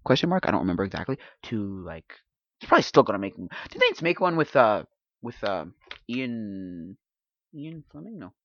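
Podcast guy thinking out loud, halting and rambly, voice bounces around a lot, kinda muffled dry sound. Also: fairly low pitch, wildly swooping pitch, dry recording. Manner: rambling, halting, thinks aloud while reading a list. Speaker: podcast host. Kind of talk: casual chat.

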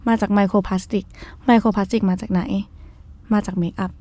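A young woman as a podcast guest, arguing her points passionately and fast. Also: mid-range voice, fairly even intonation, dark tone, no room sound. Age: young adult. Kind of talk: casual discussion.

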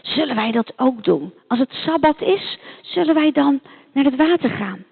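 A woman's voice: high voice, expressive, moderate pace, vocal fry, no room sound. A woman voicing the apostle Paul, an eager male preacher telling his friends, on a tinny phone-like recording.

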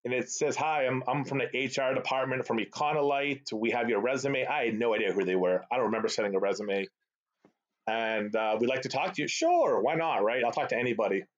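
Over slightly dull lo-fi call audio, a middle-aged guest, a sales executive, tells stories in a casual interview with a brisk, mid-range voice. He comes from the Boston area, USA, has a Boston accent, and learned Arabic first. Animated and chatty, he keeps tagging on "right?".

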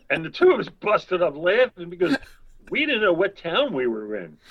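An older man telling long anecdotes as an interview guest, rambling, with quick asides and chuckles. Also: sits high, a bit bright, low-quality recording. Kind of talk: anecdotal storytelling.

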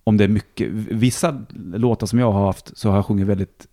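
A man with a Hälsingland Swedish accent, chatting casually as a guest, relaxed and rambling, swearing easily. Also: lowish voice. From Sweden, Hälsingland. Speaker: musician and radio host, guest. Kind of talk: casual conversation.

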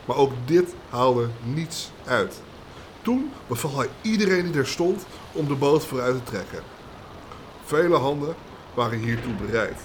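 A man co-hosting a podcast, reading a folk tale aloud in a steady, matter-of-fact way with casual banter. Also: mid-range voice, unhurried, slight background noise. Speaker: podcast co-host, storyteller.

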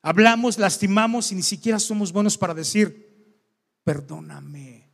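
A pastor preaching in a conversational, back-and-forth way. He tosses questions at his congregation. His voice sits high for a man, and it rings out with a long church-hall echo. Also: normal speed, fairly bright tone. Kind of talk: sermon.

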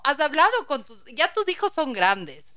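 A woman's voice: high voice, big pitch swings, moderate pace, pushed and bright. A woman interviewing a guest, asking prompting questions and laughing easily. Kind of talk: conversational interview.

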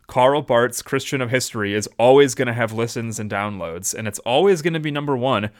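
A man hosting a casual theology podcast, chatty and joking as he rambles through the intro. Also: medium pitch. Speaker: podcast host.

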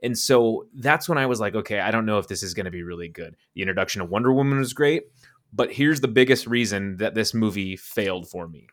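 A low-pitched man talking loosely on a podcast about films he disliked. He rants, swears freely and breaks into incredulous laughs when something strikes him as absurd. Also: fast talker. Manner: ranting, profane, laughs incredulously. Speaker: podcast co-host. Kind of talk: casual movie chat.

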